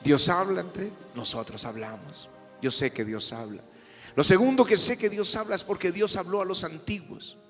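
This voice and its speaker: A middle-aged male pastor preaching a sermon with passion, his voice rising to shouts. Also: high-pitched, expressive, moderate pace. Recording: long hall reverb with music behind. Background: soft music.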